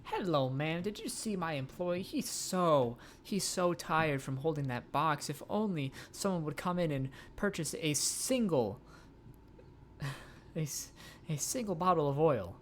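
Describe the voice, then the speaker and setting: A streamer putting on a higher, pushy shopkeeper voice, wheedling customers to buy oil. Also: lively intonation, unhurried, a little hiss or hum, natural voice. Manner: wheedling sales pitch, pitched up, stammers. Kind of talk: playful game commentary.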